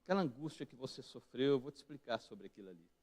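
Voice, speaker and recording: A man with a Brazilian Portuguese accent preaching a sermon as pastor in a church, moving between quiet reflective passages and loud emphatic peaks. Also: mid-range voice, lively intonation, quick pace, slightly rough. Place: church sanctuary.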